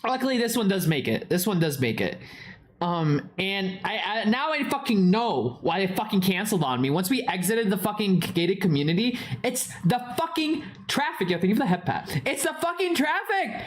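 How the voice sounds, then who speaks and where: A woman's voice: medium pitch, sing-song, moderate pace, slight background noise. A young woman casually telling a long, rambling story. She swears often and repeats her phrases.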